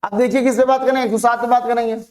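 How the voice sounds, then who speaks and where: A teacher explains a chemistry lesson to students online, with a voice of middling pitch. Each question gets asked aloud and answered straight away. Terms are spelled out and repeated slowly so they stick. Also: fairly even intonation, a little mellow.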